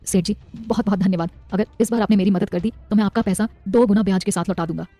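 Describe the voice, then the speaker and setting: A woman's voice: mid-range voice, fast, mellow, dry recording, soft background music, close to an everyday voice. Woman voicing an old man in debt. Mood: pleading. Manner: pleading. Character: older man in debt, desperate and harsh.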